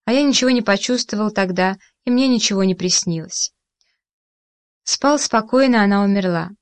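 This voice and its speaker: A woman's voice: mid-range voice, no echo, natural voice. A woman voicing a grieving, thoughtful man. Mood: somber. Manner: slow and thoughtful. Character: grieving reserved adult man.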